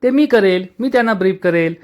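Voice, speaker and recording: A man's voice: high-pitched, expressive, a little fast. A man voicing a cheerful, friendly young man who speaks encouragingly.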